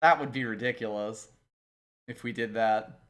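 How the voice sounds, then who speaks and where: A man's voice: mid-range voice, normal speed, fairly bright tone. A man co-hosting a casual video game playthrough, explaining things with dry humor. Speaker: video game let's play co-host. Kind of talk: casual gameplay commentary.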